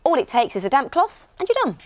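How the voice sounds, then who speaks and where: A middle-aged British woman gives a scripted shopping channel demonstration. Her voice sits a little high and moves with very lively intonation. She sounds enthusiastic and explanatory. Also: fast, no echo. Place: TV studio lounge set.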